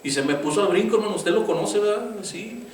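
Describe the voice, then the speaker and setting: A man's voice: sits high, fast. A middle-aged man preaching a conversational sermon as pastor. He keeps calling his listeners brother and asking them "right?". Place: church sanctuary. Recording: echoey church room, mic at a distance, faint background hiss.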